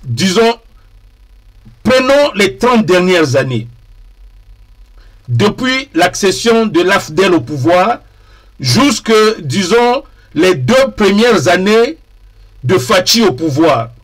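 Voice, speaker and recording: A man speaking in a deliberate, emphatic way and repeating key phrases for weight, as a TV political commentator. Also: sits high, big pitch swings. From DR Congo.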